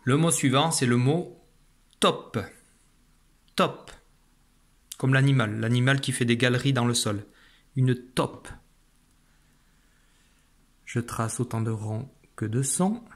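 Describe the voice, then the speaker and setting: A man teaching young children a phonics lesson, saying each sound slowly and carefully. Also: mid-range voice. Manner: slow, careful, stretched-out pronunciation of sounds. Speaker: primary school teacher.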